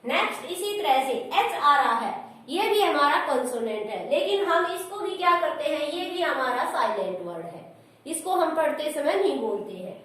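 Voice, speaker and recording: A woman's voice: sits high, very animated, moderate pace, fairly bright tone, heavy reverb, far from the mic, rough recording. A woman teaching a grammar lesson step by step and asking her students questions as she goes. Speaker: school teacher.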